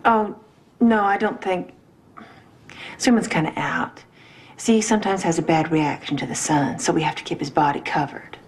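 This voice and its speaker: A woman's voice: fairly low pitch, fairly even intonation, moderate pace, breathy edge. A woman acting in a TV drama as a guarded, possessive mother who is defensive about her boy. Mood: polite, evasive. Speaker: actor in a TV film.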